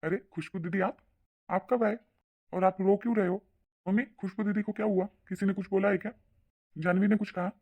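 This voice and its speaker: A woman voicing a caring young adult son and brother in a cartoon, asking quick, concerned questions. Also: mid-range voice, fairly even intonation, a little mellow, breathy edge. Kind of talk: cartoon voice acting. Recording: dull lo-fi sound.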